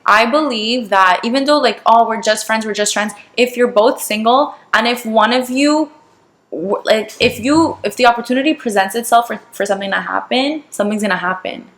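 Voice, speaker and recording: A woman's voice: fairly high pitch, moderate pace, a bit bright. A young woman co-hosting a podcast in casual chat, blunt and swearing freely, acting out quoted dialogue. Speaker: podcast co-host. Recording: roomy echo.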